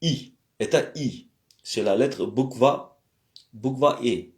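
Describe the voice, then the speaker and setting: Male teacher, unhurried and halting, full of fillers, repeats each word slowly to model it. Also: medium pitch. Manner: hesitant, many fillers and self-corrections; repeats words slowly for pronunciation. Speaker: language teacher. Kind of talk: casual lesson on the alphabet.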